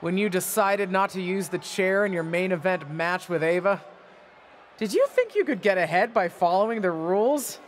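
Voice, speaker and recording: An actress playing a bitter, proud middle-aged wrestling legend in a video game, delivering a taunting, theatrical wrestling promo. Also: female voice, on the low side, animated, moderate pace, lightly acted. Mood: scornful. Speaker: returning wrestler, former champion and manager. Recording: arena ambience noise behind voice.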